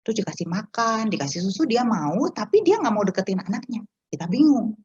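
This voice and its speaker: A woman telling a personal testimony to an online prayer meeting, speaking to the listeners directly in an animated storytelling way. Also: medium pitch, a little fast, slightly rough, dull audio. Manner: animated storytelling, addresses listeners as Bapak Ibu. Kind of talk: testimony to a congregation.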